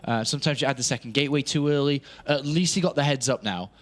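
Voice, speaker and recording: A man's voice: medium pitch, fast talker. Man, esports caster, play-by-play commentary, chatty, mid-range voice.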